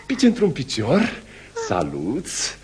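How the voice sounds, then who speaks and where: Fram, a gentle circus polar bear. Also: male voice, mid-range voice, wildly swooping pitch. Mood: coaxing. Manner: gentle, coaxing, playful. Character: kind playful male circus polar bear. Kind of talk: radio play acting.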